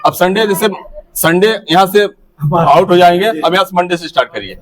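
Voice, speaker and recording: Male teacher trainer with a fairly high voice, coaching a group through a game, directive and instructive. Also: fairly quick, a crowd in the background. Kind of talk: classroom activity instruction.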